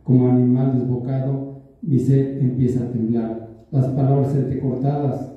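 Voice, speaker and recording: A man reading his own poetry and stories aloud at a literary event, in a measured, deliberate way. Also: mid-range voice, little pitch movement. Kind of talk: poetry and short story reading. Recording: echoey, distant, dull room recording.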